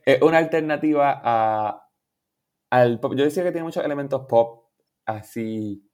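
Young man, Puerto Rican Spanish accent, musician guest, relaxed, rambling, mid pitch. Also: moderate pace. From Puerto Rico. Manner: relaxed, rambling, restarts often, laughs easily, mixes in English words. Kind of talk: casual interview chat.

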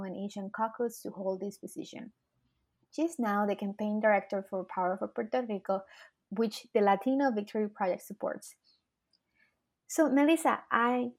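A woman hosting a podcast, reading a careful, measured introduction and posing questions to her guest. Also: on the high side, darkish tone, rough recording. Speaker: podcast host.

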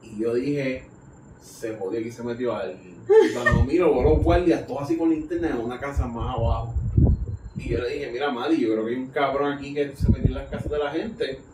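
A man with a Puerto Rican accent telling a story in casual chat, animated, laughing often, full of slang and curses. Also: medium pitch, brisk. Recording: roomy distant mic with background noise.

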